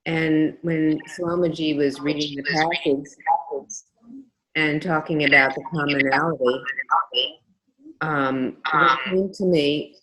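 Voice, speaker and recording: A woman's voice: sits low, steady tone, slow pace, a bit bright. Woman on an echoing group voice call. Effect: echoing audio over a group voice call. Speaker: discussion circle participant. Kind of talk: group video call discussion.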